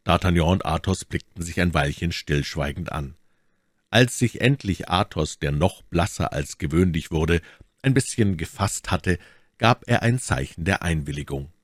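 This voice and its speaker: Low voiced guy narrating an old novel, dry close recording, steady pace. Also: normal speed, no echo. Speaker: audiobook reader. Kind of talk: reading a classic novel aloud.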